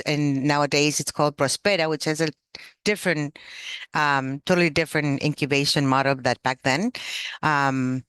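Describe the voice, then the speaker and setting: Man presenting, halting with fillers. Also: on the high side, fairly bright tone, smooth, no echo. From Chile. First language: Spanish. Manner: hesitant, many "um" fillers and restarts. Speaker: workshop presenter. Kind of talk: online workshop talk. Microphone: video call.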